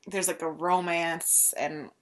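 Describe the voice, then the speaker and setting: A woman's voice: lowish voice, steady tone, slow pace, slight background noise. A woman co-hosting a podcast, chatting casually and explaining things in an informal way. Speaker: podcast co-host. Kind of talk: casual podcast chat about books and films.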